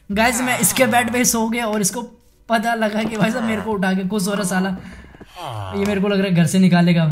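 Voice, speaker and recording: Excitable young man narrating his gameplay. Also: high voice. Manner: chatty, excitable, addresses viewers as guys and bhai sahab. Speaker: gaming YouTuber. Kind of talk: casual Minecraft let's play commentary.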